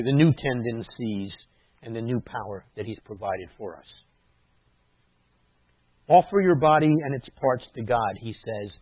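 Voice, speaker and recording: A man's voice: medium pitch, slightly rough, no room sound. Man preaching a teaching sermon over a tinny line. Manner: teacherly, explains terms, drops to quiet asides. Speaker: messianic rabbi preaching. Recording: dry tinny phone-like sound.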